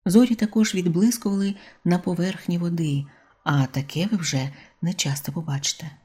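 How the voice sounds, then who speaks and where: A woman narrating a humorous novel as an audiobook, in a measured, wry storytelling manner. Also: on the low side, fairly even intonation, darkish tone, slightly rough.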